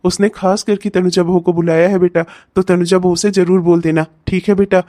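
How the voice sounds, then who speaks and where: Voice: mid-range voice, level tone, brisk, dark tone, dry recording, studio quality, close to an everyday voice. A performer voicing a chatty elderly village uncle in a cartoon, cheerful and proud of his daughter, chuckling and repeating praise. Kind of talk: cartoon voice acting.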